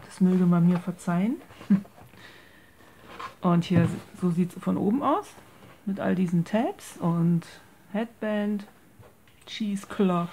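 A German-speaking craft video maker shows off a handmade journal at a tabletop indoors, her low-ish voice gravelly and warm, with a bit of hiss or hum. She talks casually and hesitantly, hunting for words and slipping English craft terms into her speech.

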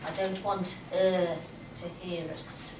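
A woman's voice: fairly low pitch, flat delivery, slow pace. An older woman playing a confused, childlike, querulous elderly mother in a staged play reading. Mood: furtive, fretful. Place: small indoor stage. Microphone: far camera. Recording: echoey small theatre, distant mic, noisy.

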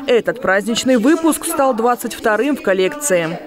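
A woman's voice: fairly high pitch, animated, moderate pace, crowd noise. A woman reading scripted news narration as a television reporter.

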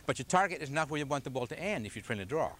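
A man's voice: fairly high pitch, animated, very fast, fairly bright tone, a little hiss or hum. An older man teaching a golf clinic outdoors, patiently asking the group questions as he explains. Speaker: golf instructor. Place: outdoors on a grassy driving range. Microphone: camcorder from a distance.

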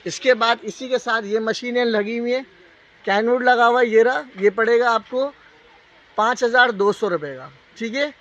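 A man with a Pakistani accent giving a casual, unscripted live sales pitch as a shop salesman, repeating prices and tag phrases. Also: normal speed, a bit bright. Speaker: shop salesman hosting a live sale video. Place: indoor appliance store, walking the aisles. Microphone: handheld phone. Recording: dull lo-fi phone audio, shop noise.

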